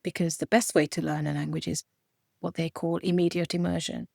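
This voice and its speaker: A woman in her forties from Romania and Hungary, a native Hungarian speaker, talks animatedly as an interview guest and frequently restarts her sentences. Her voice is low, gravelly, husky and a little mellow, fairly quick with flat delivery. The studio-quality recording has no room sound.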